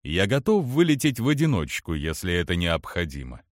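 A man's voice: sits low, very animated, brisk, dry recording, pitched below the performer's own voice. A man reading the lines of a seasoned alien male general in an audiobook, dry and guarded in tone. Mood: wry, guarded.

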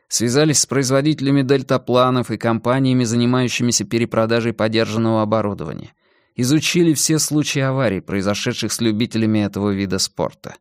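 A man's voice: mid-range voice, dry recording. Dry-sounding male audiobook narrator. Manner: measured, deliberate reading. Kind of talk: scripted narration.

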